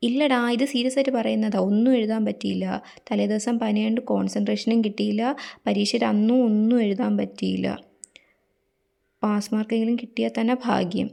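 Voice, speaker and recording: Gravelly-voiced woman doing classroom sketch. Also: medium pitch, steady tone, mellow. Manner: plays every student in turn, quick shifts of voice. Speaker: comedy sketch creator.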